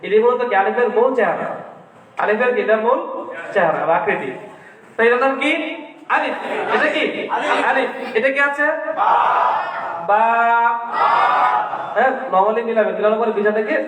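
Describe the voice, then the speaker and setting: A man's voice: sits high, moderate pace, pauses often, over a noisy crowd. A man teaching a Quran reading class to children. He keeps asking the class questions and answering them himself, and he draws out the letter sounds. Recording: echoey hall, far from the mic.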